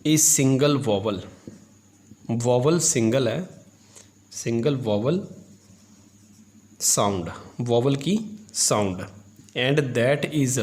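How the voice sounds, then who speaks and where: A man's voice: mid-range voice, a little mellow. Hindi-speaking man teaching English grammar. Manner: explains step by step, asks and answers his own questions; stretches English terms slowly while dictating. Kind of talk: classroom lesson explained in Hindi.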